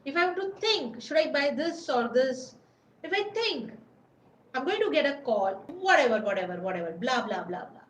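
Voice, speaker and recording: Speaking at normal speed in a high-pitched, very animated voice, a woman gives an informal lecture as a webinar presenter. She frequently repeats herself and gropes for words, and the room-heavy recording has faint ambience behind her.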